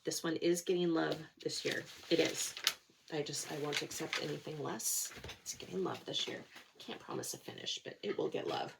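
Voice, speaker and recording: In a casual to-camera chat about cross-stitch, this middle-aged woman keeps a steady tone and moderate pace, her low voice touched with vocal fry over a noisy background. She's slightly nasal and sore-throated from a cold, rambling and self-deprecating with frequent fillers.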